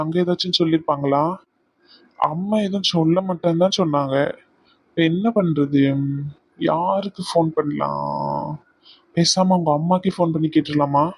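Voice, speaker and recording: A man's voice: a little high, steady tone, normal speed, gravelly, long pauses, breathy edge, no echo. A man voicing an eager young fiancé in a cartoon, worried and pleading on a phone call. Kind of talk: cartoon voice acting.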